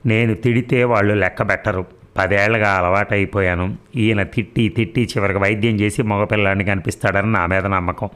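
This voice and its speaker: Man voicing a gruff old doctor, blunt, loud, scolding, crude-mouthed, lowish voice. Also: steady tone, a little fast, close to an everyday voice. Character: gruff older male doctor, crude-mouthed, short-tempered.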